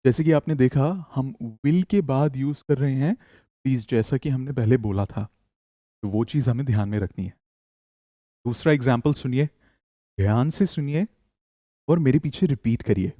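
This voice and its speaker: A man teaching spoken English in Hindi, reading model sentences slowly for learners to repeat and praising them often. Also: mid-range voice, dark tone, no echo, studio quality.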